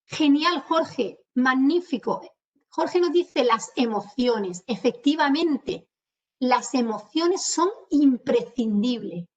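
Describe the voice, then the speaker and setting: High-voiced Andalusian woman teaching online. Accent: Andalusian Spanish. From Andalusia, Spain. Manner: explanatory, addresses audience directly, slows to stress key words. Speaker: webinar presenter on communication skills. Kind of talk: online lecture. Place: home. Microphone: computer mic on a video call. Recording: distant, dull webinar audio.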